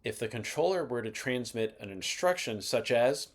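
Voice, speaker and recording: A man hosting an aviation explainer channel reads scripted instructions in a careful, explanatory manner. His voice is mid-range and expressive, at normal speed.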